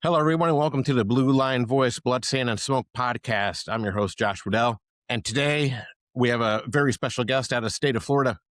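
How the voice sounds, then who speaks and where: A man hosts a podcast and reads a long introduction before asking questions. He talks in a measured way and stumbles now and then. The sound is dry and close. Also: mid-range voice, steady tone, fairly bright tone, dry recording. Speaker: podcast host. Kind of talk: podcast interview, reading an introduction.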